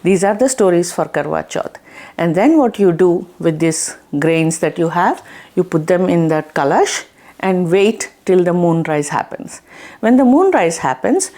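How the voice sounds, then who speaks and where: A woman host telling a folk tale and explaining a ritual in a lively, conversational way. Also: on the low side. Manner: animated, conversational storyteller. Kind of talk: storytelling and religious ritual instruction.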